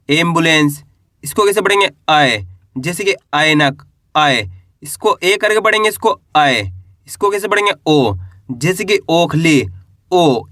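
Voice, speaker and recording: A man teaching the Hindi alphabet, asking the learner to repeat each sound and drawing the syllables out slowly. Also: sits high, pushed and bright, no echo, studio quality. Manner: stretches vowels and syllables in drawn-out teaching pronunciation. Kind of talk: alphabet lesson with call-and-response drills.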